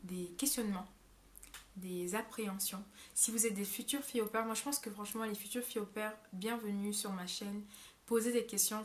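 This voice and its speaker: Young woman vlogger, casual rambling delivery full of fillers, mid-range voice, faint background noise. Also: medium pitch. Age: young adult. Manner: rambling, many hesitations and self-corrections. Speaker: au pair vlogger. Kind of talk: casual vlog monologue.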